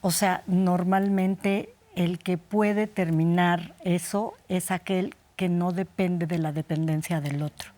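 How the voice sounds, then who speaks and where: Brief: woman expert guest, lowish voice, reflective, self-correcting. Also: steady tone, takes it slowly, few pauses, dark tone. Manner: thoughtful, restarts mid-sentence. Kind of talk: studio conversation on psychology.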